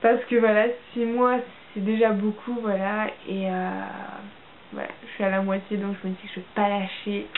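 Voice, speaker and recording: Young woman from France, casual vlog chat, halting delivery full of fillers, thin phone-like sound with faint hiss. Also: mid-range voice, little pitch movement. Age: young adult. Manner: hesitant, many fillers and restarts. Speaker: au pair vlogger.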